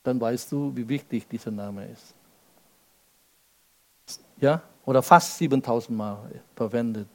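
A male preacher delivers a sermon, explaining things step by step with rhetorical questions. He swings between loud emphasis and soft, low asides, and he speaks unhurriedly with frequent pauses.

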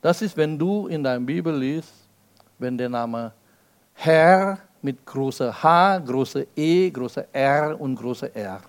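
A male preacher giving a sermon, explaining step by step with rhetorical questions and swinging between loud emphasis and soft, low asides. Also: animated, takes it slowly.

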